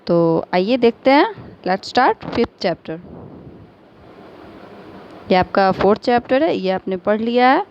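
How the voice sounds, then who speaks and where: A woman's voice: mid-range voice, very animated, takes it slowly, pauses often, a little mellow. Indian woman, teacher, patient, spells words out, dull lo-fi audio, faint hiss. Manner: patient, spells words letter by letter, mixes Hindi and English. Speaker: school teacher. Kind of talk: recorded online class lesson.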